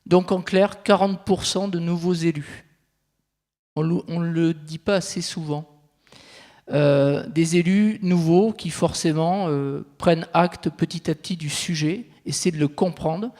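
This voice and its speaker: A territorial consultant's explanatory talk unfolds step by step at a conference held in a large, reverberant venue. His voice is a little high and a little mellow, with fairly even intonation and a slightly slow pace. The recording carries the long reverb of an echoey hall.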